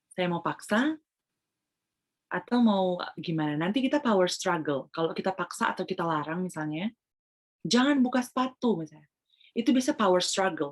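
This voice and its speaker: A woman Montessori trainer explaining in an online webinar, mixing English phrases into her talk and acting out examples. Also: medium pitch. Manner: acts out examples of what she tells children.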